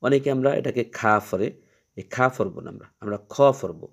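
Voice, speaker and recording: A man teaching Quran reading, explaining each letter patiently and repeating its sound slowly three times. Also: on the low side, creaky, a little mellow, husky. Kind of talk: step-by-step letter lesson.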